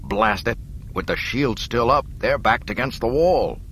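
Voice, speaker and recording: A man doing Han Solo, brash and gruff. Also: mid-range voice, animated, a little slow, fairly bright tone, slight background noise, voice pushed up. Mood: frustrated. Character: brash male smuggler hero, frustrated.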